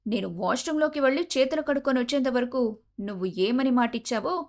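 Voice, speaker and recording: A playful, mocking young husband from an audio romance story, put on by a woman narrator who drops her voice for him. He talks with easy confidence and a teasing edge. The voice sits fairly high for a man. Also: fast talker, a little mellow.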